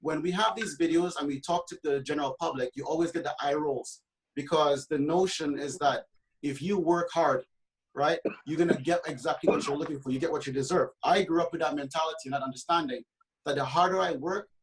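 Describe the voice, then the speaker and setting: Talking a little fast in a fairly high voice, a Trinidad and Tobago realtor makes his points passionately on a panel. Fillers and restarts crowd his speech, and the audio is poor.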